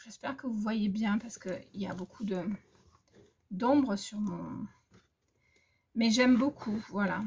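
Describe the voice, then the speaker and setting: A woman's voice: fairly high pitch, vocal fry, slightly rough. A woman casually showing craft paper pads in a vlog, talking hesitantly with many fillers and restarts. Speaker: crafting vlogger. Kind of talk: casual haul chat. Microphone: phone.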